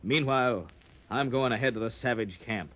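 A man's voice: mid-range voice, moderate pace, a bit bright, close to an everyday voice. Man as a hearty, decisive sea captain. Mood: resolute. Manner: hearty nautical talk. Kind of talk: old-time radio adventure acting. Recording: dull lo-fi old radio recording.

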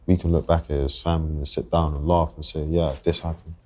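A man in his twenties with a London accent, a guest on a podcast interview, talking reflectively and haltingly and often restarting his thoughts. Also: a bass voice, level tone, a little mellow, breathy edge. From England. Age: 20s. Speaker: guest rapper.

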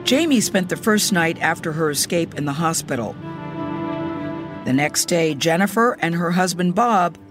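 A woman narrating a news feature in a measured, serious way. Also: lowish voice, lively intonation. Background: music bed.

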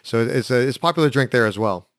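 A man hosting a casual interview, quickly affirming and asking follow-up questions. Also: medium pitch, no echo, studio quality. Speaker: interview host.

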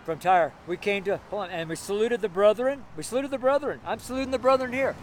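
Talking fast in a high voice, a man in his seventies gives a rambling, informal street sermon, his strong voice carrying as he exclaims and repeats phrases for emphasis. He is outdoors on a city street among buildings, with traffic ambience in the background.

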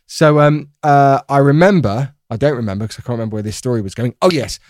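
A chatty British man in his thirties co-hosts a casual podcast. He rambles through anecdotes and likes to tease. His voice sits at a middle pitch, recorded dry and close. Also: fast, darkish tone, no echo. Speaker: podcast co-host, former radio presenter. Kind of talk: casual chat, telling anecdotes.

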